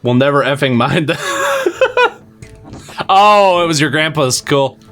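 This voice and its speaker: A man's voice: medium pitch, fairly even intonation, a little fast, a bit bright, faint music behind. A man streaming a retro game, rambling casually to his chat with fillers and the odd swear word. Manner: talks to chat while playing. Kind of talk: casual live-stream gameplay commentary.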